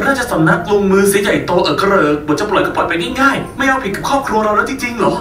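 A man dubbing an excitable, naive young merchant's son in a historical costume drama. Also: high voice, rapid-fire. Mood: amazed. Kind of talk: dubbed costume drama acting. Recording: echoey distant playback with music.

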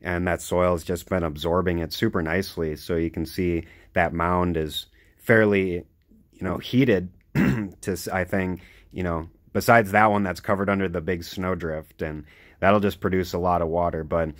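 A man's voice: low-pitched, steady tone, moderate pace. A young man casually narrating his homestead work outdoors, rambling and eager, with lots of "you know" fillers. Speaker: homesteader vlogger.

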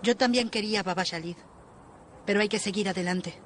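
A woman's voice: medium pitch, brisk, slight background noise, natural voice. A woman dubbing an earnest, hopeful older orphan brother in Latin American Spanish. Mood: reassuring. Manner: earnest, begging. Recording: film soundtrack with music.

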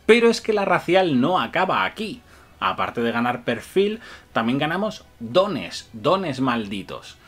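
A man's voice: mid-range voice, big pitch swings, a little slow, fairly bright tone, soft background music. Guy hyped about game rules, chuckles a lot, lots of eh and vale, webcam in a small room. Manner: enthusiastic, chuckles often, many filler "eh" and "vale". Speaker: tabletop wargame rules reviewer. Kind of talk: explaining game rules to camera.

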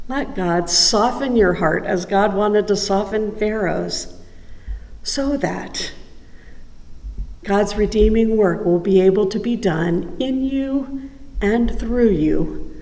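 A woman's voice: medium pitch, darkish tone. A woman giving a chatty, informal devotional message in a church sanctuary, with a cathedral-like echo. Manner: chatty and conversational, with frequent ums. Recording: echoey church sanctuary with long reverb.

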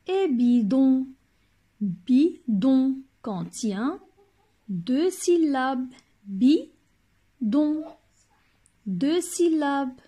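A woman kindergarten teacher giving a slow lesson for young children, saying each word carefully, repeating it and praising the class. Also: high voice, very animated, dark tone.

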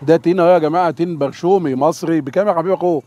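A man's voice: a little high, rapid-fire, dark tone, a faint crowd. A man with an Egyptian Arabic accent chatting casually as he tours a produce market, repeating prices back to viewers. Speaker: vlogger touring a produce market. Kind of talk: casual on-location chat and price commentary. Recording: muffled outdoor market recording, street noise.

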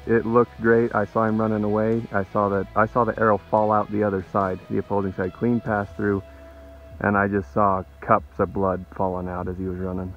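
A filmmaker outdoors recounting what he saw in animated, vivid play-by-play. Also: on the low side, normal speed, soft background music. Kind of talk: excited field chatter. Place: outdoors in open country. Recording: dull lo-fi camera audio.

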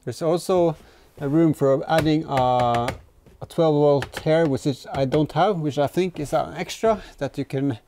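A car DIY vlogger in his thirties, working in a garage workshop and the back of a car, narrates his work hesitantly and casually. He sounds on the high side, unhurried and dark, with a little hiss or hum.

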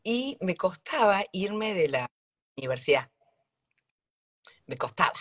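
A woman's voice: on the low side, very animated, slow, a bit bright. A woman host, telling a personal story in a heartfelt, casual chat.

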